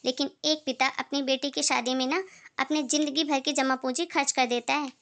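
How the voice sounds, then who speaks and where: A woman's voice: high voice, steady tone, fairly quick, fairly bright tone, no room sound. A woman voicing a patient young daughter-in-law who speaks politely but firmly, in a moral story drama. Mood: indignant. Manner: polite, firm.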